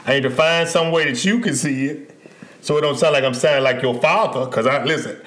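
A man co-hosting a relationship podcast in casual chat, animated and quick to laugh, drifting into playful stories. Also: a little high. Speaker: podcast co-host.

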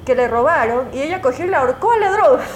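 A woman journalist, telling her own stories as an interview guest in an animated, emotional way, full of restarts. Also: high-pitched, fast, a little hiss or hum. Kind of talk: casual conversational storytelling. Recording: echoey room.

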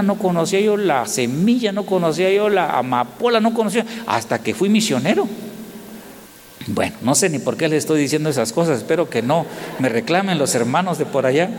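Mexican preacher guy, tells stories then gets loud and indignant, kinda high voice, long echo. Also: animated, brisk. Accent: Mexican Spanish. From Oaxaca, Mexico. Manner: storytelling, rising to loud indignant exclamations. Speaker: pastor. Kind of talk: sermon. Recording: long hall reverb, faint noise.

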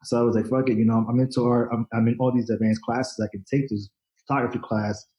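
A man's voice: mid-range voice, level tone, fast talker, mellow, rough recording. A man in his forties from the Dominican Republic, a photojournalist guest chatting loosely with lots of fillers, restarts and casual swearing. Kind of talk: casual interview chat.

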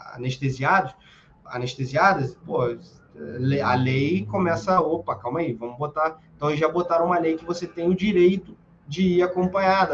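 A man with a Brazilian accent teaching self-defense in a casual, emphatic way, full of slang and quick "right?" checks. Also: fairly high pitch, lo-fi sound, slight background noise. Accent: Brazilian Portuguese. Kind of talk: informal spoken lesson.

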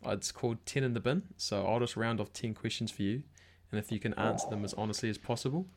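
Background noise sits under this fast, lowish male voice. It's a young man with a broad New Zealand accent running a casual interview, all matey slang and frequent "bro."

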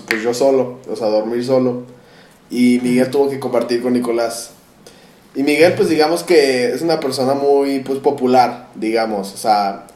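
Young Mexican guy, slangy relaxed co-host, sounds off-mic in an echoey room. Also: mid-range voice. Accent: Mexican Spanish. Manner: slangy, relaxed, full of fillers. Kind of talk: casual chat among friends. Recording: roomy, distant mic.

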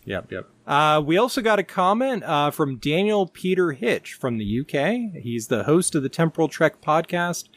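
A man's voice: a little high, sing-song, moderate pace, few pauses. A man hosting a podcast in casual chat, laughing often and poking fun at himself. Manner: laughs often, self-deprecating. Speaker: podcast host.

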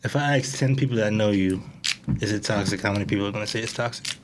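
A man's voice: on the low side, fast, noisy background. A man co-hosting a podcast, steering the talk with probing questions in a casual tone. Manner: probing questions, laughs often. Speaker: podcast co-host. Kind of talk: casual chat.

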